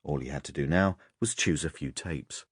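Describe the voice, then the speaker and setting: Deep-voiced male audiobook narrator. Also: moderate pace, husky, dry recording, studio quality.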